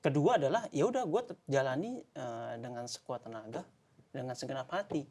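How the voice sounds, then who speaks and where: A young man, talking thoughtfully in casual podcast chat, pausing often to search for words. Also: medium pitch, lively intonation, darkish tone. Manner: thoughtful, halting with fillers. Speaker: podcast co-host.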